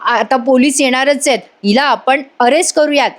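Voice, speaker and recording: A woman's voice: sits high, moderate pace, natural voice. A woman voicing a young man who firmly accuses a fraud. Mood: stern. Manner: firm, accusing.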